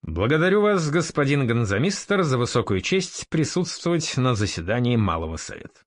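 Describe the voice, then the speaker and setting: A man voicing a bold young male raider-merchant leader in an audiobook, curt and sharp-tongued. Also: medium pitch, sing-song, brisk, no room sound, clean studio sound, close to an everyday voice. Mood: brusque.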